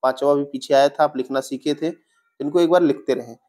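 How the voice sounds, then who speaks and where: A man's voice: mid-range voice, fairly even intonation, fairly quick, dark tone. A young male teacher walking through exam spelling answers step by step in an online lesson, often correcting himself mid-sentence.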